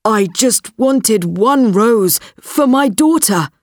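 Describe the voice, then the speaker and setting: A woman's voice: on the high side, expressive, takes it slowly, no room sound, studio quality. Woman reading a worried merchant father. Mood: earnest.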